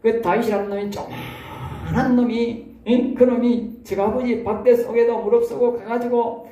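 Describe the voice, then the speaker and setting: A Korean pastor with a Gyeongsang accent, preaching in a lively, folksy way and often tossing rhetorical questions at the congregation. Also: male voice, very high-pitched, moderate pace, echoey room. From South Korea. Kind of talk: sermon. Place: church hall.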